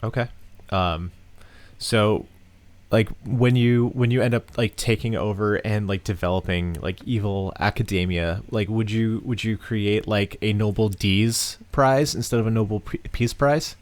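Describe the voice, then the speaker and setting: A man's voice: fairly low pitch, measured pace. A man co-hosting a podcast in casual chat, teasing his co-host and swearing freely.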